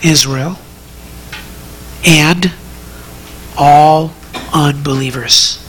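A man preaching a sermon to his congregation, earnest and conversational, often repeating words as he builds to emphatic high peaks. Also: steady tone, drawn-out words, a bit bright, a little hiss or hum. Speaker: pastor.

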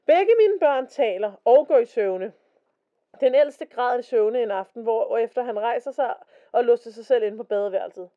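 Her pitch is fairly high and her intonation lively as she co-hosts a casual podcast, chatting and reading stories out loud. Quotes come in a slower voice. The audio is lo-fi and dull.

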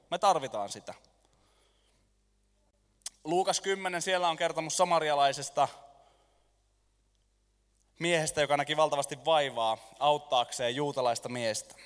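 Animated man preaching in a reverberant hall. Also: on the high side. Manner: animated, jokey, lets the room laugh. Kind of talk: lively sermon with audience skit. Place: church hall. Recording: long reverb of a large hall.

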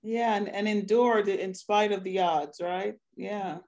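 A woman hosting an interview, encouraging her guest and winding through long questions that she restarts as she goes. Her pitch sits in a middle range for a woman. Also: fairly even intonation, measured pace, darkish tone.

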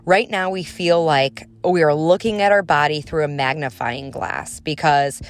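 A woman's voice: sits low, measured pace. A woman in her thirties hosting a solo podcast, talking casually in an upbeat, chatty and encouraging way. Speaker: podcast host and motivational speaker.

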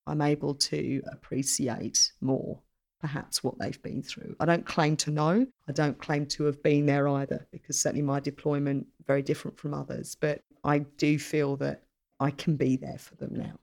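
A woman's voice: low-pitched, flat delivery, moderate pace, creaky, darkish tone. A middle-aged woman from Essex, speaking reflectively and earnestly in an interview, repeating phrases for emphasis. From Essex, England. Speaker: podcast guest, journalist and army reservist.

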